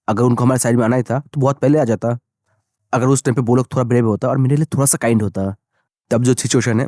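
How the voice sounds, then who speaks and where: A man tells a manga story at a brisk clip, speaking every character's lines in one unchanging voice. His tone is mellow and somewhat dark, and the recording is dry and close, with no room sound. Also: mid-range voice, dry recording. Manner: rapid, plain retelling of dialogue. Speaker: manga recap narrator. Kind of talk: storytelling recap, voicing all characters in the same voice.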